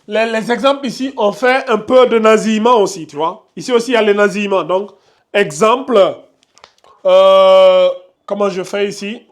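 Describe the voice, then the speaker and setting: A man's voice: sits high, normal speed. A man teaching a class in a classroom, patiently repeating examples and drawing out each sound as he demonstrates it. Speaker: Quran recitation teacher. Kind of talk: classroom lesson. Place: classroom with a board.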